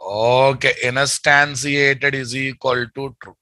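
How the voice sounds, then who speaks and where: A man's voice: medium pitch, flat delivery, slow, bright, forceful tone, dry recording. A man in his thirties with a Telugu accent, teaching a live online coding lesson, repeating phrases as he dictates and often checking in with listeners. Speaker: programming instructor.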